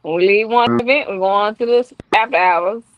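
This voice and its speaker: A woman's voice: medium pitch, a little fast, lo-fi sound, a little hiss or hum. A woman, chatting as an interview guest, teasing and laughing often. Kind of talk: casual interview chat.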